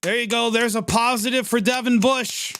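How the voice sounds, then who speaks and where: A man hosting a live sports reaction stream, calling the plays as they happen in an excitable, chatty way and reacting quickly to each one. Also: extremely high pitch, gravelly, a little hiss or hum. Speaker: livestream sports reaction host. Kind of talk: live play-by-play reaction commentary.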